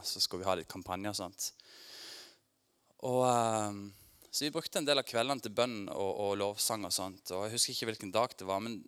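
A man preaching in a church, talking informally to his congregation, laughing often, asking people questions and growing loud and excited when telling his own story. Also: on the low side, smooth. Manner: informal and chatty, with filler words and restarts, laughing often; asks the congregation questions and addresses them by name. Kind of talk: conversational sermon with personal testimony.

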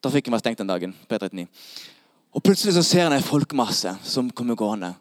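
A man preaching a sermon, retelling a story in a lively, playful way to a gathered audience. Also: medium pitch, dry recording, clean studio sound.

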